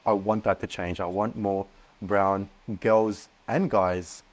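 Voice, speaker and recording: Earnest man, lower voice. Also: takes it slowly, lo-fi sound. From Australia. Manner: earnest, animated, frequent restarts. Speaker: guest. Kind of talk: casual podcast interview.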